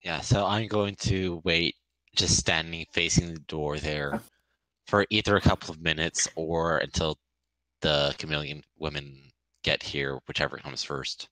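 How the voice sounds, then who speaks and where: A man's voice: rumbling low, steady tone, a little slow, bright, forceful tone, no room sound, poor audio. A man playing a tabletop game, casually describing what his character does.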